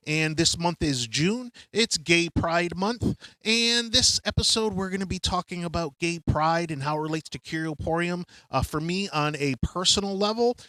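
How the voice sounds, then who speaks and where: A man in his fifties tells a personal story on his podcast, candid and reflective, pausing on ums and uhs. His voice sits a bit high for a man. The studio sound is close and dry. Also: sharp tone, no echo. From Hartford, USA. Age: 50s. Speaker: podcast host. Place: studio in a curiosity shop.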